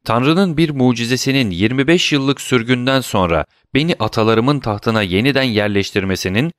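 Man doing a stern old king of France, commanding, raised and sharp, dry close sound. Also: mid-range voice, normal speed, dry recording, pitched above the performer's own voice, natural voice. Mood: imperious, alarmed. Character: aging French king, imperious and alarmed.

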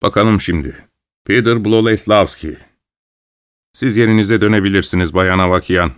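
A man voicing a big burly man in overalls who calls a roll in a loud, commanding, businesslike way. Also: on the low side, moderate pace, clear, resonant tone, lightly acted.

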